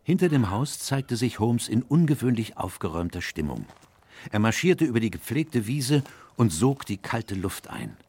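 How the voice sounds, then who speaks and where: An actor playing a measured, gentlemanly doctor who narrates a radio detective story. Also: male voice, mid-range voice, big pitch swings, slightly rough, dry recording. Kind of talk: scripted radio drama narration.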